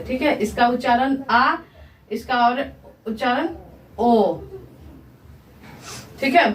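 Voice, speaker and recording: A woman's voice: a little high, a little hiss or hum. A woman English teacher giving a grammar lesson, asking her students questions and answering them herself. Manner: slow, repeats questions to the class and answers them. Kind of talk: grammar lesson explained in Hindi. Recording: echoey room, voice from far.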